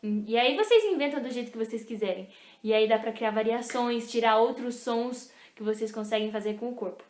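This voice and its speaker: A young woman teaching an online music lesson, slowly and patiently explaining rhythms and chanting syllables to the beat. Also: on the high side, a little mellow. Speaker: music teacher for a youth club. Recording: echoey room, faint noise.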